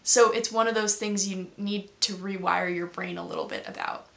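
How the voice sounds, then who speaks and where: A woman's voice: mid-range voice, steady tone, normal speed, vocal fry, a bit bright. A woman who hosts a language-learning video channel, chatting casually and explaining patiently with many examples. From United States. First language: English.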